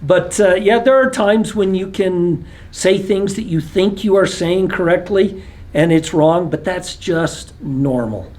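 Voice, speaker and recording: An American man telling casual stories about his own slip-ups, chatty and relaxed, with lots of fillers. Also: high-pitched, unhurried. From United States. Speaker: vlogger. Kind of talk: casual storytelling.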